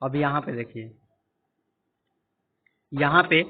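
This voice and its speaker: Brief: male teacher, somewhat high voice, repetitive explanatory lecture style, phone-quality sound. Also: slow. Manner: explanatory, repeats points and quizzes listeners. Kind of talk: classroom lecture with screen annotation. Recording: tinny phone-like audio.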